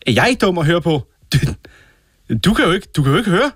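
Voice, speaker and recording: A man voicing a smug, tactless woman radio host who speaks in a patronizing, deliberate way. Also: high voice, very animated, background noise. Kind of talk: sketch comedy.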